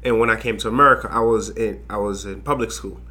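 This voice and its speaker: A man's voice: lowish voice, fairly even intonation, fast talker, sharp tone. A young man from Haiti, a design lecturer, talking as a guest in a casual interview, rambling with many fillers and restarts.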